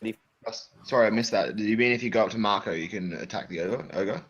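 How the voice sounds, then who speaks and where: A man's voice: on the low side, fast talker, slightly rough. A man playing a tabletop game over a voice call with a bad connection. He talks hesitantly and apologizes as he stops and restarts. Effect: breaking-up online call connection. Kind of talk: casual chat over voice call. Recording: muffled lo-fi call audio with faint hiss.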